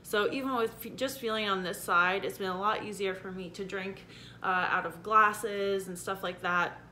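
A woman's voice: mid-range voice, fairly even intonation, normal speed, sharp tone, slight background noise. A woman in her thirties chatting casually to camera at home, talking with a sore, stiff jaw and a numb lip that slightly hampers her articulation. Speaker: vlogger giving a surgery recovery update. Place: indoor room at home.

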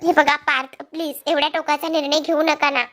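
Woman reading a young wife begging her husband, sorry and high pitched. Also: flat delivery, brisk, a bit bright. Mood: pleading. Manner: pleading, apologetic.

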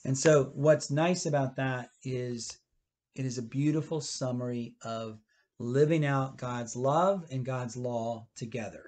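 A man's voice: mid-range voice, a little slow. A man in his fifties leads a children's church lesson. He explains patiently and rephrases as he goes. He is recorded through a table webcam in a book-lined church library. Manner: gestures a lot, explains gently with rephrasing. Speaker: pastor.

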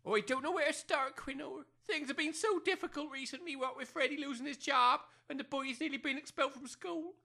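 In an amateur comedy audio drama, a woman plays an anxious working-class village mother who pleads, flusters and apologizes, using non-standard grammar. It's a full character voice: high-pitched, sharp, with vocal fry, brisk, and hardly pausing.

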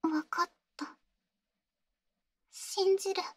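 A woman playing an insecure young girlfriend in an ASMR role-play, halting and pleading, with a sweet, eerily obsessive manner. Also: very high-pitched, steady tone, darkish tone, a little hiss or hum, exaggerated voice. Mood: fragile, apologetic. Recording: close, dry ASMR audio.

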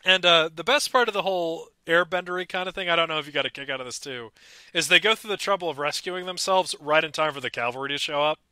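Brief: young male podcast co-host, very bright and slightly high voice, excitable, dry close mic. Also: clear, resonant tone, dry recording. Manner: excitable, quick to do mock voices. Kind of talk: casual chat about a cartoon.

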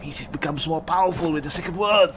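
A man role-playing a boisterous barbarian adventurer in halting, exclamatory video game commentary. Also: a little high, fairly bright tone. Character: boisterous male barbarian adventurer eager to fight. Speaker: player and host of a role-play gaming series. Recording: clear background noise, game ambience.

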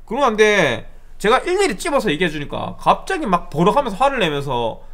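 Young man, casual storytelling, lively swinging pitch, slightly high voice, acts out dialogue. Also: brisk. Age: young adult. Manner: animated, acts out both sides of the dialogue. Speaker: YouTuber telling a personal anecdote.

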